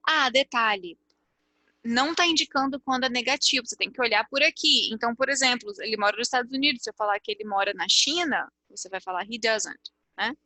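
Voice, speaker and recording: A woman's voice: fairly high pitch, sharp tone, no room sound. A Brazilian woman teaching English grammar in an online lesson, explaining step by step and often checking with "ok?". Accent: Brazilian Portuguese.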